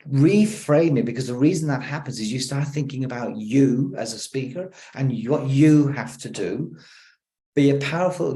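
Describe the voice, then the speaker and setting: Speaking over a video call, an Irish man who is a professor talks conversationally about communication, alternating rapid bursts with deliberate pauses. He has a mid-range voice with a dark tone.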